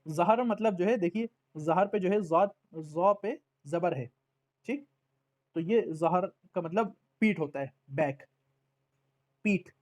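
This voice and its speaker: A man's voice: high voice, a little mellow. A man teaching Arabic letters in an online lesson, patiently repeating words and checking that his students follow.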